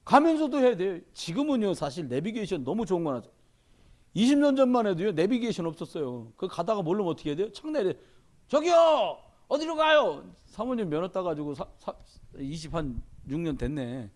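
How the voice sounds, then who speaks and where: A middle-aged man preaching a sermon as pastor, telling stories with lively quoted dialogue. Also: sits high, quick pace. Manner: animated storytelling, shouting in quoted dialogue.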